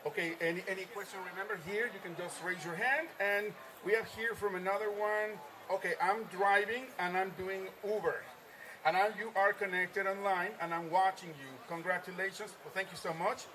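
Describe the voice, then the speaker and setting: A man's voice: high-pitched, fairly even intonation, a little fast, pushed and bright, slight background noise. A man hosting a live stream from a trade-show floor, reading viewer comments aloud and echoing his guests' answers in an upbeat way. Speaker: livestream host.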